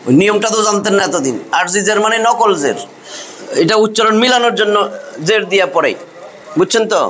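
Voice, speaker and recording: A man's voice: high-pitched, animated, a little fast, fairly bright tone, a little hiss or hum. A man teaching a Quran recitation class, patiently repeating each rule with drilled examples. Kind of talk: classroom tajweed lesson.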